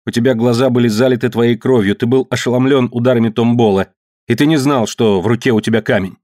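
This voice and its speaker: A man's voice: medium pitch, steady tone, fast, a little mellow, no echo, clean studio sound, natural voice. A man voicing a frightened but upright young man giving earnest testimony in a story reading.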